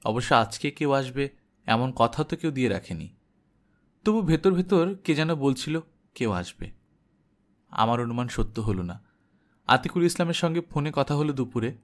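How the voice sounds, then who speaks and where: Man, audiobook narrator, measured diary reading, medium pitch. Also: animated.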